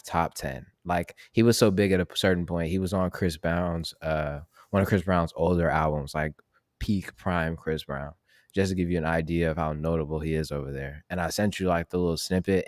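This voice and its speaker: A man's voice: low-pitched, no room sound, studio quality. A young man co-hosting a podcast, talking loosely and rambling with lots of slang and fillers. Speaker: podcast co-host. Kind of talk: casual chat.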